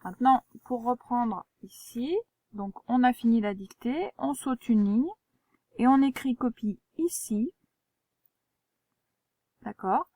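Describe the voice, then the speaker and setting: A woman teacher reads a dictation to young pupils, spelling each word out letter by letter at an unhurried pace. Her voice sits a little high and she gently warns about spelling traps. The recording is close and dry, with no room sound. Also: no echo. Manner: slow, spelling words letter by letter. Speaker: primary school teacher. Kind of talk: dictation lesson for children.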